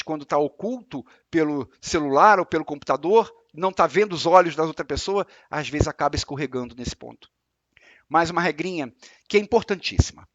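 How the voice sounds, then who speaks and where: Speaking in a high-pitched voice, a religious lecturer with a Brazilian Portuguese accent calmly explains spiritual topics, going over his points again with examples. There is no echo in the recording.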